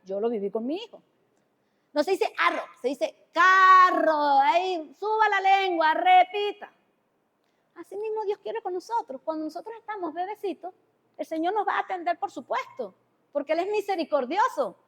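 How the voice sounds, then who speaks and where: In a church hall with long reverb, a woman with a Venezuelan Spanish accent preaches conversationally and puts questions to her congregation. Her very high voice makes big pitch swings at a fairly quick pace.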